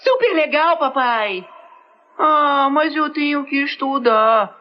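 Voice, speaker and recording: A voice in dubbed film dialogue, drawn-out and mock sweet. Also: high voice, animated, muffled recording.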